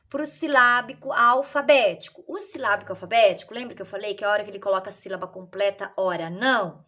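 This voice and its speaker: A woman teacher, explaining literacy activities in a lively way and acting out children's answers. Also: fairly high pitch.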